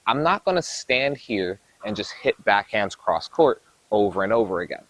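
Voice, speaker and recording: Low-voiced man coaching tennis. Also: normal speed, no echo, low-quality recording. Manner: energetic, explanatory, demonstrates while talking. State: a little out of breath. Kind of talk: instructional coaching talk. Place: outdoor tennis court.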